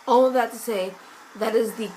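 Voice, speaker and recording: A woman vlogger, hoarse and losing her voice, musing in a chatty, meandering, self-mocking way. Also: a little high, moderate pace, slight background noise, poor audio. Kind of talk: casual musing vlog. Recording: loud rain and thunder sounds from an app behind the voice. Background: rain and thunder ambience sounds.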